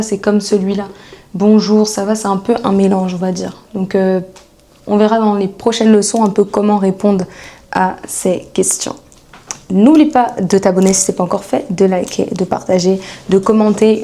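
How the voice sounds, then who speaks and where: A woman coaching English in a relaxed, chatty video lesson. Her voice is mellow and warm, and she slows down to repeat each phrase for her viewers. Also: medium pitch.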